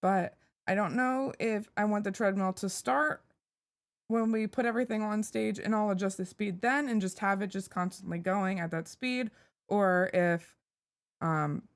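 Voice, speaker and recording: A woman streamer and cosplayer talking casually on a stream, rambling with lots of "like" and "um" fillers. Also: medium pitch. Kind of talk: casual live-stream chat.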